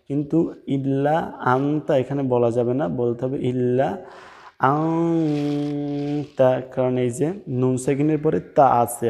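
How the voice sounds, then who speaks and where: A man with a Bangladeshi Bengali accent giving a pronunciation lesson, explaining slowly and drawing out chanted words. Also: medium pitch, darkish tone, in a large hall. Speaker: Quran recitation teacher. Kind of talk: pronunciation lesson with slow drawn-out recitation.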